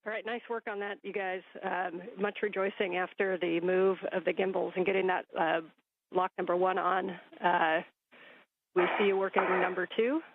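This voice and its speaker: A woman at mission control talking calmly to spacewalkers over a space-to-ground radio link, giving step-by-step instructions with small pauses and fillers. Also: lowish voice, gravelly. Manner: calm, procedural, halting with fillers. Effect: space-to-ground radio transmission. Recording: tinny narrow-band radio line.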